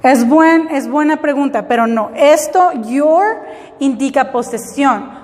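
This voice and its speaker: High-voiced, slow, patient woman teacher. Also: a little mellow, in a large hall. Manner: patient, explains step by step with checking questions. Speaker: English teacher. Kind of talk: classroom grammar lesson.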